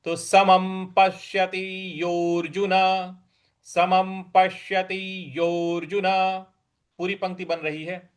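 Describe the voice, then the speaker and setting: A man teaching scripture recitation, chanting verses slowly and drawn out, then explaining pronunciation in quick asides. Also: high voice, flat delivery, clean tone. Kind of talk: recitation lesson.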